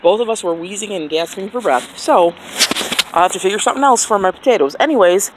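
A woman walks through her backyard garden with a handheld phone, talking in a chatty, excitable way and poking fun at herself. Her voice sits in a middle pitch range. The outdoor phone audio carries clear background noise and the sound of passing vehicles. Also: fast talker. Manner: chatty, excitable, self-deprecating. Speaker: gardening vlogger. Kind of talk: casual garden tour. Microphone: handheld phone camera.

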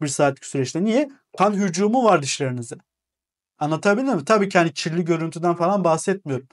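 High-voiced man ranting, exasperated and lecturing. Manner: exasperated, lecturing, repeats words for emphasis. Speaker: gaming channel host. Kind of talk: casual monologue replying to comments.

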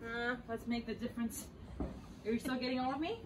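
A woman's voice: fairly high pitch, fairly quick, noisy background. Bubbly young woman leading kids' backyard games. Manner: bubbly, jokey, laughs often. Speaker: activity leader. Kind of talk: playful outdoor activity demo for kids. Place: parents' backyard, outdoors.

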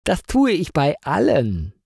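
Man doing a calm quirky man in a bunny suit, high-pitched, matter-of-fact, storybook reading. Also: measured pace, creaky, breathy edge, dry recording, clean studio sound, exaggerated voice. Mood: unbothered. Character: odd grown man in a rabbit suit, calm and unbothered.

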